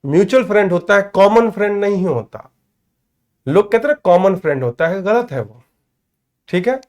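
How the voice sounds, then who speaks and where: High-voiced Indian man teaching English grammar. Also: animated, a little mellow. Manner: addresses students by name, asks "clear?" often; mixes Hindi with slow, spelled-out English. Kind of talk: online grammar class.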